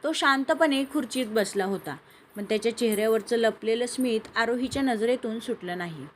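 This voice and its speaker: A woman reading a scripted romance story aloud in a steady, even way. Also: on the high side, brisk, slight background noise. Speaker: narrator.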